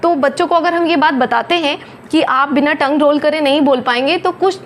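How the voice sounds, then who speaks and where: A woman teaching a phonics lesson, slowly over-articulating each letter sound. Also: high-pitched, a little hiss or hum. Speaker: Hindi teacher.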